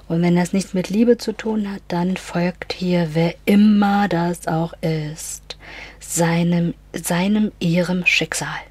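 Slow, breathy woman doing a spiritual reading. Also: fairly low pitch, darkish tone. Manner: often drops into a whisper; repeats words, switches into English phrases. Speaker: astrology and card reader. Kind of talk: casual spiritual reading for an online audience.

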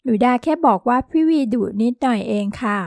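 A woman voicing a shy, gentle eighteen-year-old girl who answers softly and meekly in an audio novel. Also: on the high side, brisk, dry recording, studio quality, lightly acted. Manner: soft, meek replies.

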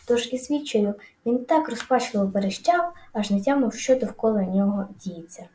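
Woman narrator for a kids' audiobook, mellow, highish voice, lively reading, roomy echo. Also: moderate pace, slight background noise. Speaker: audiobook reader. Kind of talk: storybook narration.

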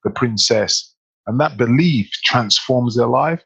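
A man co-hosting a podcast as a speaking coach, talking in an animated, emphatic way with lots of rhetorical questions. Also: medium pitch, a little slow, gravelly, husky, poor audio. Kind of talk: casual podcast chat.

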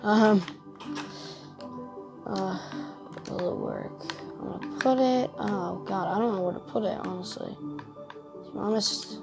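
A woman narrating her own gameplay in a relaxed, unhurried drawl with a gravelly, fry-edged voice. She sounds tired and rambles aloud, mocking herself now and then. Soft music plays faintly in the background. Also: mid-range voice. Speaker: gaming channel host. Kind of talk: casual let's-play commentary.

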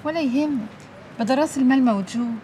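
A woman's voice: high voice, quick pace, mellow, slight background noise, lightly acted. An actress playing a loyal female friend with an Egyptian accent, teasing and consoling. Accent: Egyptian Arabic. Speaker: film actress. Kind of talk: film comedy-drama acting. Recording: music score behind. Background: film score music.

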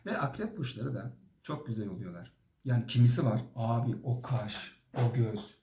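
A man's voice: medium pitch, moderate pace, roomy sound, very noisy. A young man doing a comic monologue to the zodiac signs, teasing and exaggeratedly sweet, with sudden swearing outbursts. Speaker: comedy vlogger.

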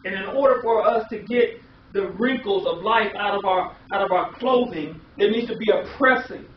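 The recording comes from a distant camera mic in a small indoor room, sounding echoey, muffled and distant with hiss. On it, a middle-aged American man delivers an emphatic sermon full of repeated phrases and rhetorical questions, his voice sitting high at a moderate pace.

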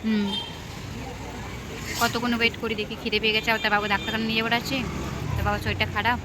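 A woman's voice: fairly high pitch, little pitch movement, fast talker, background noise. A young woman vlogging in a chatty, rambling way, filming on a phone outdoors near a station at night. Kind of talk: casual vlog narration.

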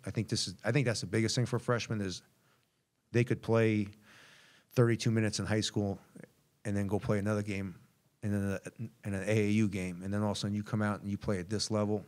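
A middle-aged basketball head coach, his voice on the low side, answers reporters candidly at a postgame press conference. He repeats words as he thinks, speaking into a table mic.

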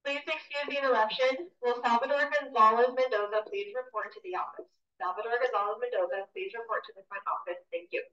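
A woman's voice: fairly high pitch, fairly even intonation, quick pace, a bit bright. A woman making a polite, formal announcement over a school intercom. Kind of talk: public address announcement. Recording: echoey distant intercom, dull lo-fi.

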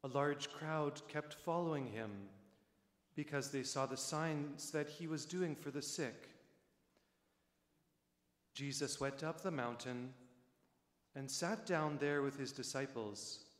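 A man reads scripture in a slow, solemn, deliberate cadence, each phrase set apart. His voice sits in a cathedral echo, with a long reverb ringing out through a large stone church. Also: on the high side. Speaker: priest reading the Gospel. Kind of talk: solemn liturgical reading.

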